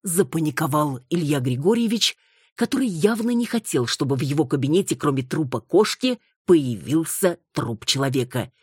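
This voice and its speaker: A woman narrating a comic story in an even, wry storytelling manner. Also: sits low, normal speed, slightly rough, dry recording, clean studio sound. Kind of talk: audiobook narration.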